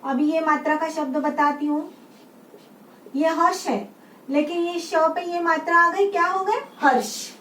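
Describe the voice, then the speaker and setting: A woman schoolteacher with a high voice leads young children through a lesson. She says each word slowly, repeats it, and keeps asking the class to say it back. The sound is roomy and distant, as if the mic sits well away from her. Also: a bit bright. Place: room with a writing board. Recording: roomy sound, mic set far off, faint background hum.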